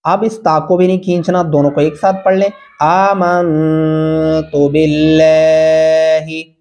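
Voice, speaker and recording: Over faint background music, a man with a high, darkish voice teaches Quran reading. He drills slowly and patiently, spelling out letters and vowel marks, and sings the recited phrases in long, drawn-out chants.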